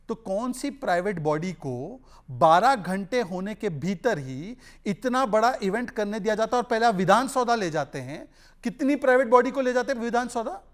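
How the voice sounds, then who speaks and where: A man on a TV news debate panel, arguing insistently and repeatedly pleading not to be interrupted. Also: sits high. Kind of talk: heated TV debate. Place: TV studio.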